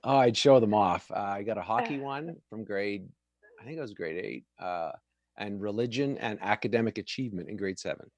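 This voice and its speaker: A man's voice: fairly low pitch, animated, brisk, dry recording. A man hosting a casual live chat show, laughing easily and poking fun at himself. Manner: laughs often, chatty, self-deprecating. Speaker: show host.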